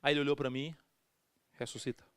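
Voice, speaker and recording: A man's voice: medium pitch, flat delivery, a little fast, fairly bright tone, clean tone, no room sound. A male pastor preaching a sermon, telling a story with humor and acting out quoted voices. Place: church.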